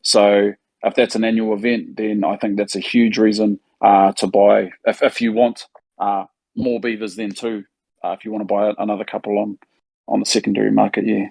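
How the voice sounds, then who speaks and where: A man's voice: on the low side, little pitch movement, moderate pace, vocal fry, darkish tone, no echo. A man with a New Zealand accent answering questions casually as a musician host, in a laid-back, matey, slangy way.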